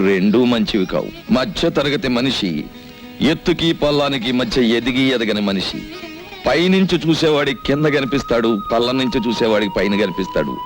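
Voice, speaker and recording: An actor playing a middle-aged family man who makes wry asides and gives a slow solemn speech. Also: mid-range voice, natural voice. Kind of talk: Telugu film melodrama.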